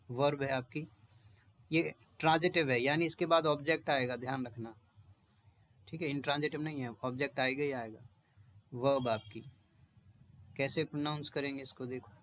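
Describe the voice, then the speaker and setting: A man teaching English vocabulary in Hindi, repeating each word again and again and reading definitions slowly, with homely asides to his students. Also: a little high. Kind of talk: explaining vocabulary and drilling pronunciation.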